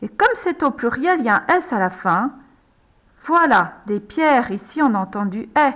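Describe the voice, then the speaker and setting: A woman slowly and patiently guiding a young child through a handwriting lesson, one letter and one word at a time. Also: fairly high pitch, expressive, a bit bright. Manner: patient, addresses the child as tu, frequent "alors" and "hein". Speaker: handwriting teacher.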